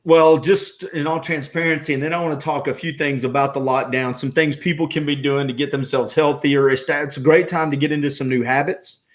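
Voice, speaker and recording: A man's voice: on the high side, steady tone, a little fast, few pauses. A middle-aged man hosting a casual podcast interview, talking in rambling, self-interrupting stretches. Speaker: podcast host.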